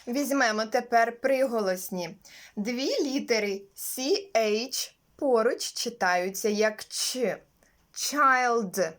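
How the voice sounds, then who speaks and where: Woman, fairly high voice, unhurried lesson delivery. Patient phonetics teacher who sounds out example words. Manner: slow, careful, demonstrates each sound and example word. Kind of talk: slow instructional explanation.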